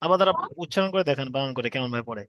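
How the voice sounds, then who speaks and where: A man's voice: medium pitch, lively intonation, fairly bright tone, dry recording, lo-fi sound. A man teaching a reading class, spelling out sounds syllable by syllable in a patient, repetitive way. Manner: slow syllable-by-syllable spelling drills; patient, repeats each sound. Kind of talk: online reading lesson.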